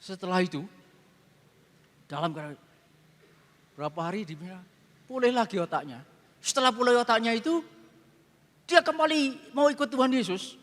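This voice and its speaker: A man pastor preaching a sermon, retelling a story dramatically, repeating phrases for emphasis and often sinking to a hushed voice. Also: extremely high pitch, lively intonation, moderate pace, long pauses. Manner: heavy repetition for emphasis. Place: large retreat hall. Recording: long hall reverb.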